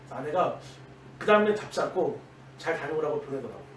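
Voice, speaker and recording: A man's voice: on the high side, expressive, fast. A man, a junior pastor, preaching a dawn-service sermon in earnest personal storytelling. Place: church sanctuary. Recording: echoey church, distant mic, faint hiss.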